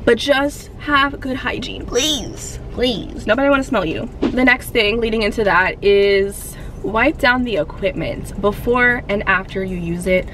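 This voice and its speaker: A young woman in a fitness vlog, talking bluntly and in an animated way, recorded from the dashboard of a parked car. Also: a little high, unhurried, background noise. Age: young adult. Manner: blunt, animated, sassy, gestures while talking. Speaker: fitness vlogger. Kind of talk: casual chatty vlog. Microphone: camera on the dashboard.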